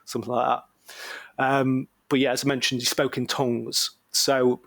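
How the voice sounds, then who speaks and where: A man's voice: mid-range voice, flat delivery, unhurried, gravelly, fairly bright tone, no echo. A man co-hosting a podcast and telling a case story in a rambling, slangy, jokey way, full of ums. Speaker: podcast co-host. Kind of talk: casual podcast chat.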